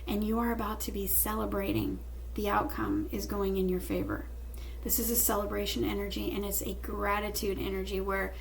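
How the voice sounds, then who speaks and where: A woman's voice: medium pitch, a little fast, gravelly, a little hiss or hum, rough recording. A woman giving a tarot reading straight to the viewer, speaking in a reassuring, emphatic way with repeated phrases. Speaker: tarot reader.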